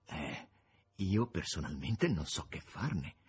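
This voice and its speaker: A man voicing a quiet, resigned woman with a husky voice. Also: very deep voice, big pitch swings, slow, pitched below the performer's own voice, full character voice. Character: weary, calm woman in love.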